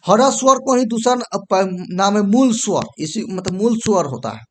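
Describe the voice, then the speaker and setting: A man's voice: high-pitched, expressive, noisy background. A male teacher giving a whiteboard grammar lesson, repeating himself, checking in often and stopping to fix what he wrote. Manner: repetitive, checks in with "ठीक है"; pauses to correct and erase the board.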